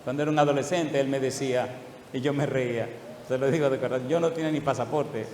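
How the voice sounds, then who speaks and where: A man's voice: medium pitch, fairly even intonation, fast talker, a little mellow, slight background noise. An older man preaching a sermon to a congregation, emotional and chuckling, with fond asides and rhetorical questions. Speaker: pastor. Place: church hall. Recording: echoey church hall with long reverb.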